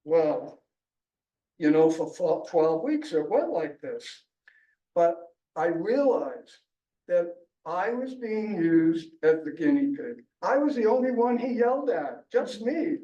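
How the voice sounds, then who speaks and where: A man's voice: high-pitched, very animated, slow, mellow, lo-fi sound. A male author reading his memoir aloud at a library book launch, telling it with a wry, chuckling storytelling manner. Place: library event room. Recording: echoey room, distant mic.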